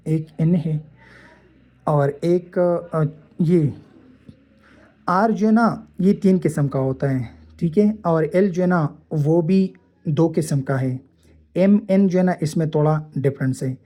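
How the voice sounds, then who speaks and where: A woman's voice: fairly low pitch, dark tone. A woman teaching a phonetics lesson, explaining step by step and answering her own questions.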